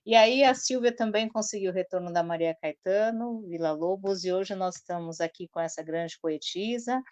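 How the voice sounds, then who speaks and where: A woman's voice: mid-range voice, moderate pace, darkish tone, no echo. A woman hosting a live talk show, telling a story in a chatty way full of asides and tag questions. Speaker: host.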